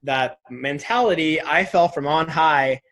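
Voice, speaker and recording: A man's voice: fairly high pitch, unhurried, fairly bright tone. A man in his twenties, a guest in a casual interview, talking candidly and reflectively, with lots of "like" and "right?". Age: 20s.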